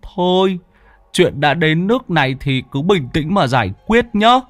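A man voicing a brisk, teasing old male exorcist, chiding and joking. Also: fairly high pitch, lively intonation, no room sound, soft background music, pitched above the performer's own voice. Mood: bantering.

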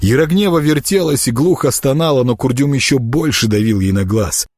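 A man giving dramatic, expressive audiobook narration. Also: mid-range voice, fairly quick, a little hiss or hum.

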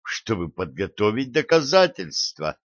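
A man voicing Archer, a bitter male schemer who talks calmly and smiles as he lays out his plan. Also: lowish voice, measured pace, dry recording, dull audio. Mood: calm scheming.

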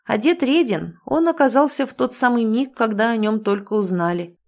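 A woman voicing a calm, sure young man who works as a guide, speaking steadily and plainly. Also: on the high side, normal speed, voice pushed up, natural voice.

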